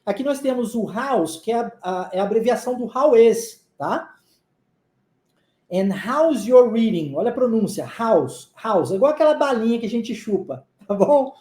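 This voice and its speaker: A teacher whose first language is Portuguese leads a live online English lesson in a mellow, dark voice. Phrases are drilled slowly and repeated, with frequent quick check-ins to the learners. The room is echoey. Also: medium pitch, expressive.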